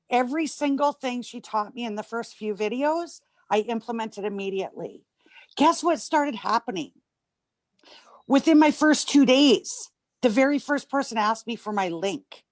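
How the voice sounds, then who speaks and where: Gushing high-voiced woman testifying. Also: no echo. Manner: gushing, emphatic, choked up at times. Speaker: member testifying on a group video call. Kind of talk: emotional testimonial.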